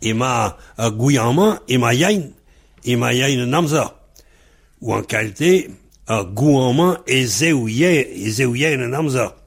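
This is a Breton language lesson taught by a man from Brittany, who spells words out letter by letter with deliberate care. His medium-pitched voice is expressive, gravelly, and husky.

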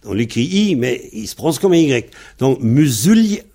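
A man's voice: medium pitch, expressive, moderate pace, dark tone. A man teaching a Breton language lesson in French, patiently spelling words out letter by letter.

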